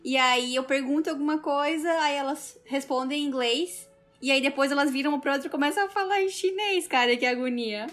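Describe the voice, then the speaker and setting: A woman's voice: sits high, a little fast, a bit bright, faint music behind. Woman host asking casual questions. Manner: friendly, questions with many fillers. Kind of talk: casual interview chat.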